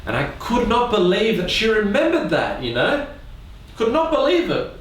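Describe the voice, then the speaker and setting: A man's voice: high-pitched, moderate pace. A man telling funny stories about his own childhood, swearing freely and acting out the voices of the people in them. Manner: animated, swearing, acts out voices of others. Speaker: storyteller. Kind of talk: comic personal storytelling. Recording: echoey room, from a distance.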